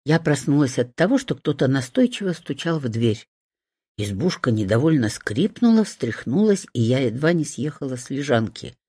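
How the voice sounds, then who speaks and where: A woman reads a fairy tale aloud in a low, husky voice, with a dry, matter-of-fact manner. Her intonation rises and falls with lively expression. The recording is close and dry. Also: moderate pace, no echo. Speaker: storyteller. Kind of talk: audiobook narration.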